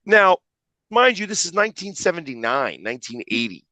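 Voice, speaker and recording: A man in his fifties from the Philadelphia area, a guest telling animated stories in a casual interview. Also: sits high, fairly quick, no echo. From Philadelphia area, USA. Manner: animated anecdotal storyteller.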